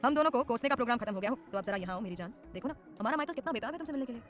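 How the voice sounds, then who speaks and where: A woman's voice: a little high, expressive, racing, soft background music, close to an everyday voice. A woman voicing a commanding, possessive young male mafia boss who teases and threatens, in a dramatized audio story. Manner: domineering, teasing, menacing.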